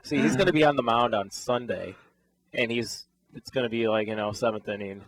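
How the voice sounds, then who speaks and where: A male co-host on a casual sports talk show, throwing in short teasing questions. His mid-range voice has a strong gravelly fry. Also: medium pitch, a little fast, no room sound, poor audio.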